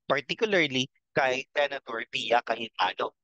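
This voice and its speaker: A middle-aged man with a Filipino accent hosting a casual political commentary vlog, talking slowly and haltingly with many fillers and a constant tag "no?". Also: mid-range voice, animated, sharp tone, dry recording, lo-fi sound. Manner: rambling, frequent tag question "no?"; slow, halting with fillers and throat clearing. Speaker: channel host.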